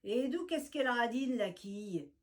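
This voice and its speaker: A woman voicing a big scarred ginger tomcat who leads a street gang, speaking in a low, honeyed, slangy drawl. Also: expressive, normal speed, darkish tone, close to an everyday voice. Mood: honeyed menace.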